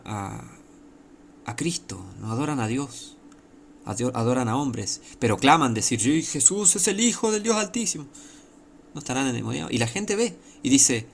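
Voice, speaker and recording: Gravelly Argentine preacher. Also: male voice, on the low side, slight background noise. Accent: Argentine Spanish. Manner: emphatic, repetitive, many rhetorical questions. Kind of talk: sermon, informal teaching.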